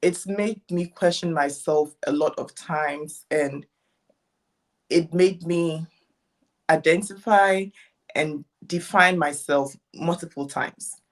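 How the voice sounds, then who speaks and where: A woman's voice: low-pitched, slow pace. Reflective young woman. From Ghana. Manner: reflective, rambling with restarts. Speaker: guest content creator. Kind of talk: casual interview chat.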